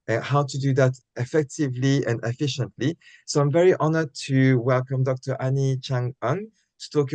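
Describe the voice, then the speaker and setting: A man's voice: mid-range voice, a little mellow, no room sound. Polite male interview host, dry sound. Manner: polite, formal introductions. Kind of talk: live online interview.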